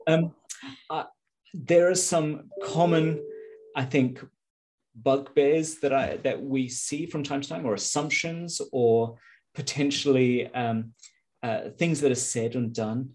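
Mellow-voiced New podcast host. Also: male voice, mid-range voice, takes it slowly. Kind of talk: casual interview.

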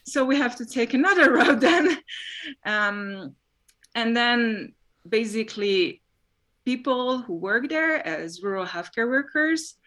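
A woman from Hungary, a science journalist, answering interview questions with lively storytelling. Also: on the high side, slow. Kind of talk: interview guest.

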